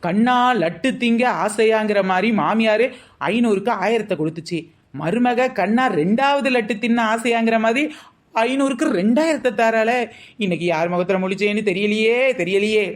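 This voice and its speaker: A woman's voice: fairly high pitch, moderate pace, lightly acted. A woman playing a scheming young village shopkeeper selling hair oil in a scripted comedy skit, with sly, wisecracking sales patter.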